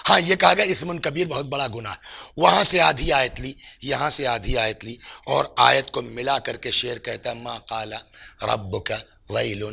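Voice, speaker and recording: A male religious scholar giving a mourning-assembly sermon. He swings between loud, high exclamations and hushed, whispered passages and keeps asking the audience questions. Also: gravelly, slightly rough.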